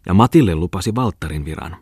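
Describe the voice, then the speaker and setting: A man's voice: low voice, animated, darkish tone, slightly rough, no echo, studio quality, heavily acted. A man reading a novel aloud, voicing a sly, flirtatious former farm mistress with a teasing, coaxing manner. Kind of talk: audiobook character reading.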